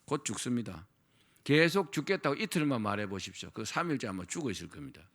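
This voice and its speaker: A man's voice: medium pitch, very animated, quick pace, a bit bright. A man preaching a sermon as pastor, asking the congregation questions and having them repeat phrases after him.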